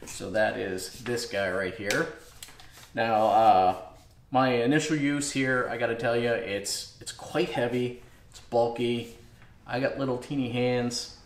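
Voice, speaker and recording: A man's voice: medium pitch, fairly even intonation, measured pace. A man in his forties hosting a casual tool review vlog, thinking aloud with many fillers, recorded in his home garage workshop on a camera mic. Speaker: woodworking channel host. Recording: echoey garage with loud background noise.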